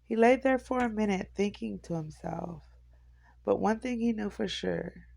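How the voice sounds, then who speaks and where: A woman's voice: mid-range voice, vocal fry, darkish tone, poor audio. A woman reading a novel aloud, unpolished, stopping to correct herself and reread lines. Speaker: audiobook narrator.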